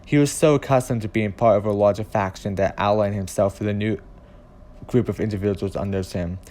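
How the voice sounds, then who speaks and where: A man narrating a scripted video essay in an earnest, deliberate and emphatic way. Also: lowish voice, fairly even intonation, dark tone.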